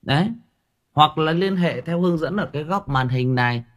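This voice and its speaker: A man's voice: a little high, normal speed, a bit bright. A man retelling a folk tale as a joke in a chatty livestream, with lots of fillers and asides to viewers. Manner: chatty, jokey, with many fillers. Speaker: livestream seller and storyteller. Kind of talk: casual comic story retelling to viewers.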